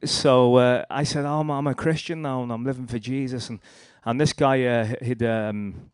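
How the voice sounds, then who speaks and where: A man's voice: medium pitch, steady tone, normal speed, clear, resonant tone, no room sound, studio quality. A young man with a Liverpool accent giving a rambling personal testimony, telling his story with restarts and acted-out quotes. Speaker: speaker sharing a testimony.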